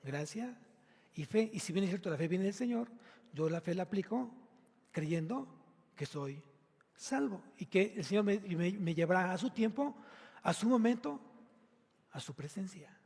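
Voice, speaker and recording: With a high, gravelly, slightly rough voice and lively intonation, a male pastor with a Mexican Spanish accent preaches at normal speed, leaving long pauses. His emphatic sermon climbs to loud exclamations and directly questions the congregation, echoing through a church sanctuary like a large hall.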